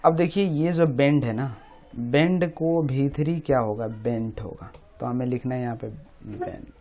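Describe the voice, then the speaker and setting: A man teaching English grammar, speaking at a middle pitch. He explains step by step, says each key word several times, and keeps asking whether the listener follows. The recording is dull and lo-fi. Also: a little slow, dark tone. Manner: repeats key words often, asks the listener "samajh rahe hain na?".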